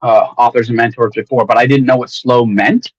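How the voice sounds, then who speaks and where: A man's voice: mid-range voice, steady tone, a little fast, breathy edge, no echo. Man in candid chat, slightly muffled audio. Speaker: guest author. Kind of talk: casual livestream conversation.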